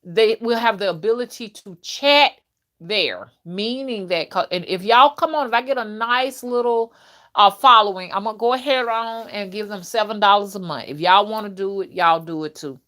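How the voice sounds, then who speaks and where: Speaking at a normal pace in a mid-range voice, she sounds bright and forceful. She's a woman in her early fifties who hosts livestreams and makes content, talking casually straight to her audience and often checking in with "okay" and "you know."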